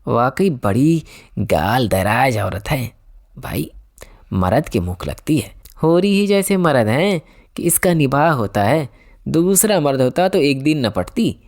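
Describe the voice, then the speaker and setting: A man voicing a gossiping village shopkeeper woman in an audiobook, sneering slowly. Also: mid-range voice, sing-song, a little mellow.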